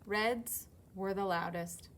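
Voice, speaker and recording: With a mid-range, slightly bright voice, an American woman takes her time as she runs a children's story hour. She talks plainly and asks the little ones questions. The recording carries noticeable background noise.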